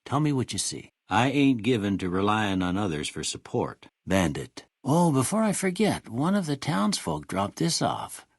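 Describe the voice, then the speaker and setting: An older male actor voicing a kindly, wry small-town doctor in a video game, with a folksy American rural Western drawl and a raspy voice. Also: on the low side, very animated, no room sound, clean studio sound, heavily acted. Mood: calm, measured. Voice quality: raspy, gravelly. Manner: folksy, unhurried, plainspoken. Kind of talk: video game character dialogue.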